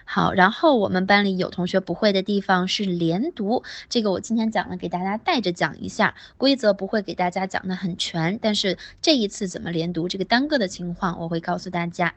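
A woman teaching pronunciation in an online class, stretching vowels slowly and repeating words, with encouraging praise. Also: medium pitch, no room sound.

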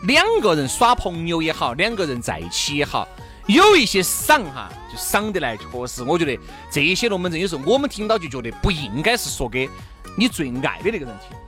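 A man's voice: on the high side, big pitch swings, brisk, bright, forceful tone, faint music behind. A man with a Sichuanese accent co-hosting a comic chat show in a playful, bantering way. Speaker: co-host.

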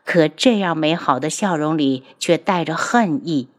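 A woman narrating a web novel in a measured storytelling voice. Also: deep voice. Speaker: audiobook narrator.

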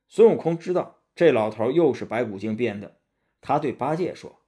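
A man narrating a storybook in an expressive, rising-and-falling storytelling manner. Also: medium pitch, normal speed.

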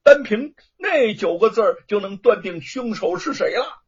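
A wailing young man in mourning, vengeful and pushy, as a storyteller puts him on, crying out his accusations in a high, swooping, raspy voice. The recording is dull and lo-fi. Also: big pitch swings, unhurried, full character voice. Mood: accusing. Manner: loud wailing, accusing shouts.

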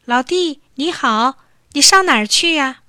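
A woman voicing a poor, kind-hearted male farmer who speaks in slow, sympathetic murmurs. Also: sits high, animated, pushed and bright, no echo, studio quality, voice pushed up, exaggerated voice. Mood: kindly.

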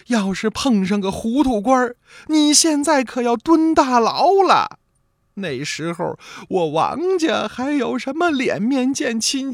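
A man voicing a strict old mother-in-law in a traditional story, scolding in a high, sharp falsetto. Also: no room sound, studio quality, full character voice. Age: older.

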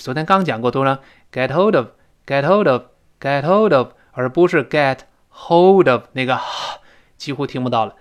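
Lively man teaching sounds. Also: medium pitch. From China. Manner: explains step by step, models English phrases slowly and repeats them. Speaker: English pronunciation teacher. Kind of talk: lecture-style language lesson.

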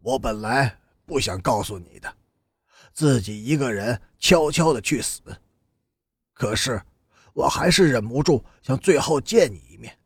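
A man reading an audiobook and voicing a tearful, despairing young man in a low, choked, pleading delivery. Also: very animated, measured pace, breathy edge, dry recording, clean studio sound, exaggerated voice. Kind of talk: audiobook character voice.

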